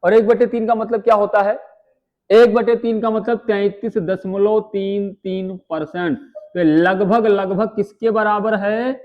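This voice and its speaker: Male maths tutor, high voice, muffled lo-fi audio, chatty and quizzing. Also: fairly even intonation. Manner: chatty, asks students quick questions. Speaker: maths teacher. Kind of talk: live online exam-prep class.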